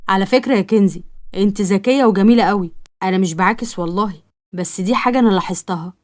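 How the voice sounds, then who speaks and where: A woman's voice: medium pitch, racing, darkish tone, close to an everyday voice. A woman with an Egyptian accent voicing an earnest young man who courts a girl, pleading and reassuring. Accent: Egyptian Arabic.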